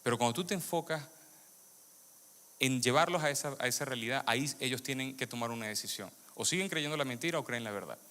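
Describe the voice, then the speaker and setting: A Venezuelan-born man with a mid-range, sharp voice talks fast as he delivers a sermon testimony to a congregation. He questions the audience and repeats phrases for emphasis, all under a long hall reverb.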